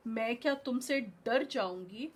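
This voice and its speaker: A woman's voice: fairly high pitch, measured pace, husky. A woman voicing a small, bold female fly that taunts a lion in a storybook reading. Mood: defiant. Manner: defiant, taunting.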